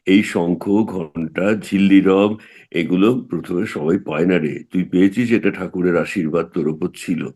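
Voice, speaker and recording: An older man with a deep voice speaks as a spiritual teacher. He answers a disciple gently and in a fatherly way, addressing him familiarly. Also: steady tone, moderate pace, breathy edge. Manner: fatherly, calls the student "baabu". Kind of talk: gentle guru's reply to a disciple.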